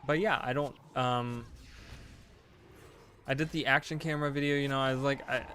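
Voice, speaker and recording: A man in his late twenties thinks aloud while gaming on stream, rambling, self-correcting, and leaning heavily on "like" and "you know" in casual chat. His mid-range voice is steady and sharp at a normal speed, with a little hiss or hum in the recording.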